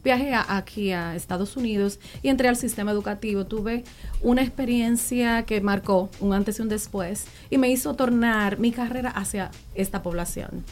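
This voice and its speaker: A woman from the Republic, talking earnestly as a special education guest on a panel, often pausing and restarting. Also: mid-range voice, darkish tone, soft background music. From Dominican Republic. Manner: earnest, with frequent fillers and restarts. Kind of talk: panel talk.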